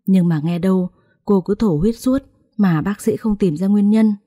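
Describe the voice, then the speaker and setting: A woman's voice: medium pitch, moderate pace, warm tone, dry recording, clean studio sound, close to an everyday voice. A woman voicing a worried, chatty young housemaid in a family drama story. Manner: worried, gossipy.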